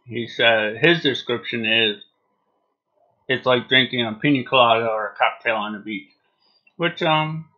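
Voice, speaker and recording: A man in his forties talks casually through a review at an unhurried, slow pace. He is laid-back and hesitant, letting phrases trail off. The sound is dull and lo-fi, captured on a basic mic in a small home room. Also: mid-range voice, sharp tone. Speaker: product reviewer. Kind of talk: casual unscripted video review.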